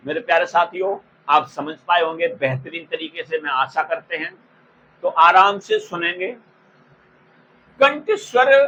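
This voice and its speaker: A man teaching an exam-prep grammar lesson, repeating each term slowly for students to write down and calling them by fond names. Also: sits high, sharp tone, a little hiss or hum, rough recording. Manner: slow, repeats terms for dictation; addresses students fondly.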